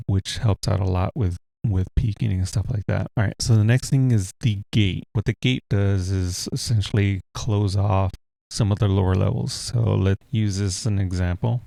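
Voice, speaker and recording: At a moderate pace and with vocal fry, a deep-voiced man meanders through a casual screen-recorded tech tutorial, filling gaps with ums and the like. The recording is dry, made at home with a heater running on a USB desk mic lacking a pop filter.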